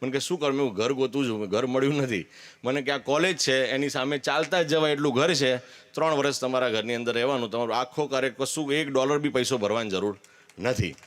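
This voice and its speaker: A man's voice: mid-range voice, a little fast, a bit bright. Earnest man telling his story. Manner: earnest, candid storytelling with emphatic declarations. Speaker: speaker giving a testimony at a religious gathering. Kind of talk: personal testimony talk.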